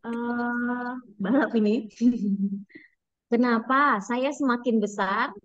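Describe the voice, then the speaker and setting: A woman moderates an online webinar, reading out questions and moving things along with brief, polite prompts. Her voice sits a little high. The call audio is dull and lo-fi, and dry. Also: fairly even intonation, takes it slowly, no room sound.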